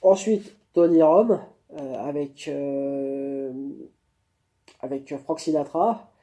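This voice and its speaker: Man, slightly high voice, very dark tone, halting face-camera review, lots of restarts. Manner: hesitant, many fillers and restarts. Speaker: vlogger reviewing a book. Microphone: camera mic.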